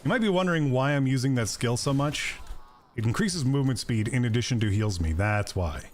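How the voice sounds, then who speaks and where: A man talks through a video game as he plays, chatting with viewers and tossing in jokes. His voice is of middling pitch but swings up and down a lot. A faint hiss sits under the recording. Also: animated, brisk. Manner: chatty, joking asides to viewers. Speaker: gaming streamer. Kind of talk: casual gameplay commentary.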